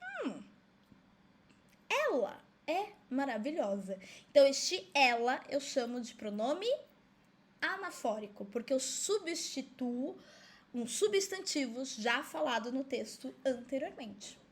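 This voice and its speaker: High-voiced woman teaching. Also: big pitch swings, a little slow, slightly rough. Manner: friendly, explaining step by step, with frequent checks like "certo?"; asks herself pupils' questions in a lighter voice. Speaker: Portuguese teacher. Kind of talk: recorded school lesson.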